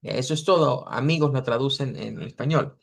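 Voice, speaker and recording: A man teaching an English pronunciation class over a video call, patiently repeating model words slowly for his students. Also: medium pitch, gravelly. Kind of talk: online class correcting students.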